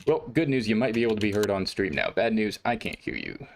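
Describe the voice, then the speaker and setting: An esports tournament caster with a lowish, vocal-fry voice talks very animatedly and quickly while fixing stream audio before the show. His easygoing, wry chat is picked up by a desk mic at a streaming setup, with a little hiss or hum.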